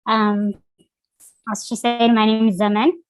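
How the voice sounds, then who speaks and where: A young woman from Ethiopia, a guest on an interview podcast, telling her life story in an earnest, halting way, with many fillers. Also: on the high side, flat delivery, smooth, no echo, soft background music, rough recording. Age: young adult. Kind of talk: personal storytelling.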